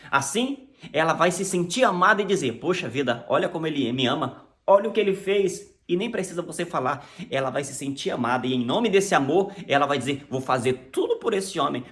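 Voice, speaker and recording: A man's voice: high-pitched, fairly bright tone. A man with a Brazilian Portuguese accent teaching how to preach, emphatic and acting out quoted lines. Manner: emphatic, acts out quoted dialogue. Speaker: preaching instructor. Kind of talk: preaching lesson.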